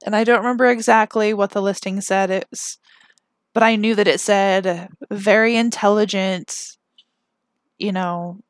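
A woman's voice: mid-range voice, fairly even intonation, a little slow, no echo, clean studio sound. A young woman hosting a podcast, telling a personal story in a chatty, self-deprecating way that turns emotional at times. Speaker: podcast host. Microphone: camera mic.

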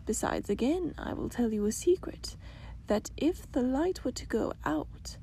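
A woman voicing a gentle, wise, very old grandmother in a storybook, speaking in a soft, hushed half-whisper. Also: fairly high pitch, sing-song, a little slow. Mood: tender.

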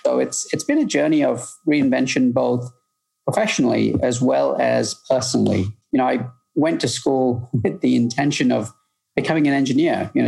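A middle-aged man with a deeply gravelly, husky voice answers interview questions. He is measured and reflective and leans on "you know." He was born in Malaysia and grew up in the UK. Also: warm tone, low-quality recording. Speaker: guest, future-of-work consultant.

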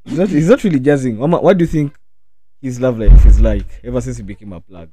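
Mellow, slangy young man hosting a chat. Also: mid-range voice, fast, a little hiss or hum. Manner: slangy urban street talk with frequent "man", "bro" and "like". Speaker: talk show host. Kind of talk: casual chat, interviewing.

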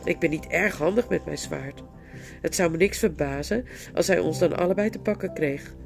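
Gloomy male marsh creature, low and dour, read by a woman. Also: normal speed, vocal fry, music in the background. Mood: grim. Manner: grim, steady warnings.

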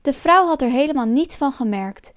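A woman storyteller reading a folk tale aloud in a calm, expressive way. Her voice is notably high. Soft music plays faintly behind her. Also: normal speed. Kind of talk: scripted folk tale narration.

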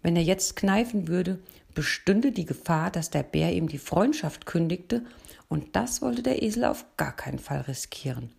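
A woman reading a children's animal story aloud in a calm, measured way. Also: fairly low pitch, creaky, husky.

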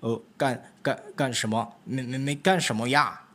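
A man's voice: steady tone, normal speed, a bit bright, natural voice. A man voicing a big, fat, bashful tomcat in a children's storybook, stammering and hesitant. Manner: stammering, hesitant, low muttering.

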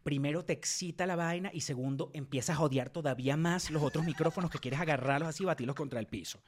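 A young man with a Venezuelan accent, co-hosting a podcast in slangy, profane, animated casual chat. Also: on the high side, quick pace, a little hiss or hum. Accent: Venezuelan Spanish. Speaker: podcast co-host.

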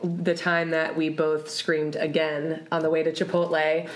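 A woman's voice: low voice, completely flat delivery, a little slow. A woman in her late twenties, telling stories as an interview guest and laughing through them. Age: late 20s. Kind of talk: casual storytelling. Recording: roomy echo.

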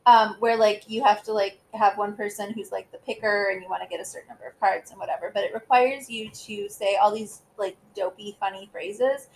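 A woman's voice: medium pitch, fairly even intonation, a little fast, creaky, hardly any pauses, a little hiss or hum, low-quality recording. A woman in her thirties co-hosting a podcast in casual chat, rambling with lots of fillers and giggles. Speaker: podcast co-host.

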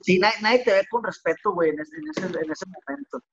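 A podcast guest with a Mexican accent rambles through a story over remote call audio, dropping "güey" into every sentence and leaning hard on slang. His voice sits high and sounds a bit bright, with lively intonation and a fast pace. The highs are cut off and there's a little hiss or hum.

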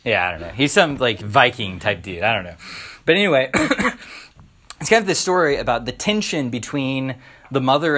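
A man's voice: mid-range voice, a bit bright. A man preaching a casual, conversational sermon, full of filler words and rhetorical questions. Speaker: pastor.

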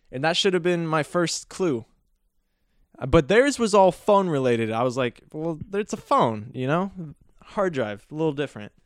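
A man's voice: mid-range voice, clear, resonant tone, no room sound, clean studio sound. A man hosting a solo podcast, telling a story casually in a joking, rambling way and often correcting himself. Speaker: podcast host.

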